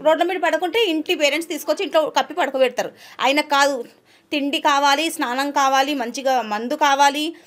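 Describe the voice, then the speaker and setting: A woman's voice: high voice, a little fast, a bit bright. A woman speaking as an interview guest, arguing with rhetorical questions. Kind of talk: heated interview talk.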